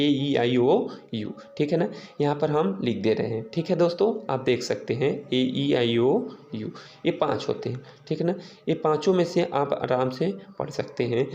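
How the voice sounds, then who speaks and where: Guy teaching a lesson, slow and patient, keeps saying "right?", writing while he talks. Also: medium pitch, warm tone, highs cut off, slight background noise. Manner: repeats "ठीक है ना" often, explains slowly. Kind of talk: casual classroom-style lesson. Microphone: recording while writing on a board or page.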